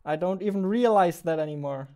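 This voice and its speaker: A man's voice: sits high, fairly quick, darkish tone. A young man with a German accent, chatting casually in a game development vlog. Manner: chatty, self-deprecating, laughs often.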